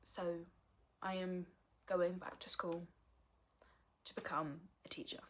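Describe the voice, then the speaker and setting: Young woman in her early twenties, vlogger, frank and earnest, slightly low-pitched. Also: little pitch movement, slow, fairly bright tone. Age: early 20s. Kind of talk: candid personal vlog talk.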